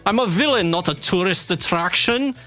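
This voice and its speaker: A man's voice: sits high, animated, moderate pace, bright, forceful tone, faint music behind, voice pushed up. A man voicing a pompous villain with a put-on Scottish accent, indignant and theatrical. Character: pompous villain craving respect.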